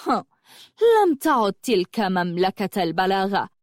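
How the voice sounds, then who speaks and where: A woman's voice: a little high, very animated, normal speed, a little mellow, dry recording, studio quality, voice pushed up. A woman doing a scornful storybook witch. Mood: haughty. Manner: scornful, teasing. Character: mocking, vain female witch, cruel and playful.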